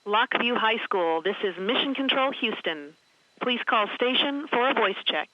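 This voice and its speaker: Woman, mission control communicator; crisp formal radio callouts, lo-fi and dry, heard through a sci-fi-style communicator link. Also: fairly high pitch, animated, normal speed, no room sound. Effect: space mission radio link, like a sci-fi communicator. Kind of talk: formal radio call procedure.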